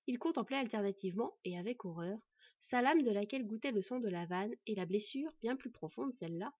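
A woman calmly narrating a fantasy audiobook. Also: medium pitch, breathy edge, no room sound, dull audio.

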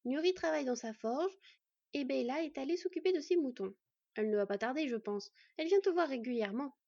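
A woman's voice: high voice, gravelly, no room sound. A woman voicing an eager, affectionate teenage boy who blurts out his words, in a slightly muffled recording. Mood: cheerful. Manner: excited, loud and quick to blurt.

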